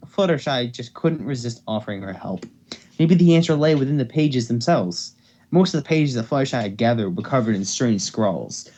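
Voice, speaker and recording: A man with a warm, mid-range voice hosts an amateur reading of fan fiction, speaking informally and sometimes tripping over his words. It's an amateur dramatic story reading, captured on a dull, lo-fi home microphone.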